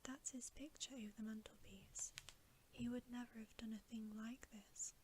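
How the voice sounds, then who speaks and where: A woman's voice: fairly high pitch, fairly even intonation, moderate pace, a little mellow, close to an everyday voice. A woman voicing a guilt-ridden, weepy male fawn in a whispered ASMR storybook reading. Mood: sorrowful, guilty. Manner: whispered, sorrowful, remorseful. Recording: faint background hiss.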